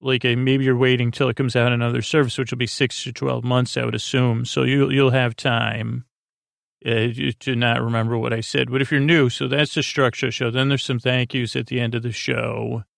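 In clean studio sound with no echo, a male podcast host wanders through his unscripted bedtime show, halting and repeating himself with goofy, self-deprecating whimsy. His mid-range voice is creaky and fairly bright, with little pitch movement.

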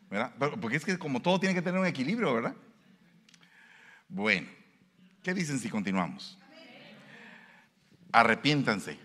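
A male preacher, preaching with a bright, ringing tone. His pitch swings widely as he asks his listeners questions and stresses key words. He keeps an animated teaching rhythm. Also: long reverb tail. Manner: animated, shifts pitch and pace for emphasis, asks the audience questions. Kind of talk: sermon.

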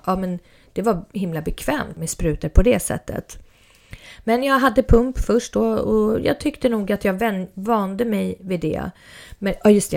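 A woman's voice: on the low side, a little mellow. A young adult woman chatting casually about her own experiences, rambling with fillers and restarts. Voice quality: creaky. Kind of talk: casual personal storytelling.

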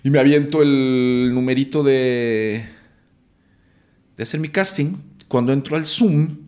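Guest actor, male, Mexico City accent, lively anecdotal delivery with salty slang. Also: medium pitch, measured pace. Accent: Mexican Spanish. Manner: animated, acts out quotes, swears casually. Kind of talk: casual storytelling interview.

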